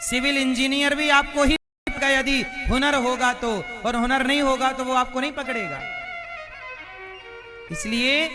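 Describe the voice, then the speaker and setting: A man's voice: very high voice, steady tone, unhurried. A male spiritual preacher giving a devotional discourse to a crowd, firing rhetorical questions at the audience and hammering points home with emphatic repetition. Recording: violin music playing behind.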